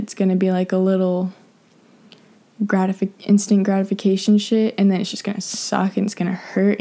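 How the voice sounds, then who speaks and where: A young adult woman hosts an advice podcast in a mid-range voice that's creaky and dark in tone. Her casual monologue is frank and rambling, full of fillers and swearing.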